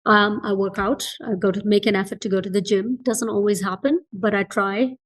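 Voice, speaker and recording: Speaking at a normal speed in a medium-pitched voice with fairly even intonation, this Fijian entrepreneur reflects conversationally as an interview guest. She comes across as earnest and emphatic, often repeating phrases to drive a point home.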